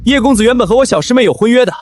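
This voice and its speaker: A smug sneering groom. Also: male voice, high voice, wildly swooping pitch, fast, music in the background. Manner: smug, mocking. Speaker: groom, arrogant rival. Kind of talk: short drama acting.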